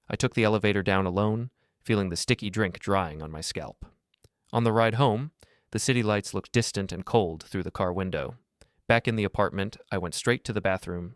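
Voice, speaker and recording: A man with a very deep voice tells a first-person story in steady, scripted narration. His delivery stays calm and measured throughout. The sound is dry and close, with no room around it. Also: dry recording.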